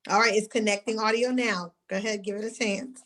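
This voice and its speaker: A woman instructor runs an online orientation for a hair school over a video call. She calls on students one by one in a friendly but directive way, with a voice of ordinary pitch. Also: steady tone, brisk, a bit bright, low-quality recording.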